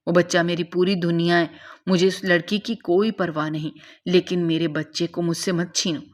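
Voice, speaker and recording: A woman's voice: fairly low pitch, flat delivery, natural voice. A woman voicing a weeping young man begging for mercy. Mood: tearful pleading. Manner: pleading, broken.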